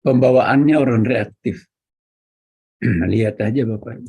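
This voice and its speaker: A man preaching a religious lecture, speaking directly to his listeners and repeating key words for emphasis in a measured, teaching delivery. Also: mid-range voice, warm tone, breathy edge. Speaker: Islamic preacher.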